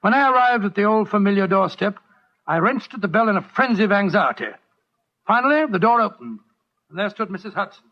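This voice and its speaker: An actor with a British accent playing an anxious, loyal doctor and storyteller in an old radio drama, earnest and hesitant when flustered. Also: male voice, high-pitched, expressive, brisk. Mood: anxious, relieved. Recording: muffled old radio recording.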